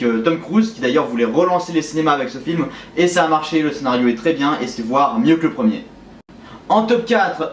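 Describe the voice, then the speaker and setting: Man reviewing films in an echoey room. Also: on the high side. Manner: chatty, says "hein" and "du coup" often. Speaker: film reviewer. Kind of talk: casual film ranking video. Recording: roomy echo, far from the mic, faint background noise.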